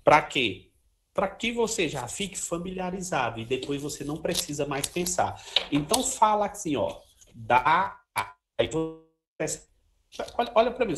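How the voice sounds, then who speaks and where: A fairly bright, somewhat high male voice leads a relaxed trombone lesson. He chats freely, sings short syllables to illustrate articulation, and keeps dropping "ó" and "né" tags, all in the style of an informal music lesson.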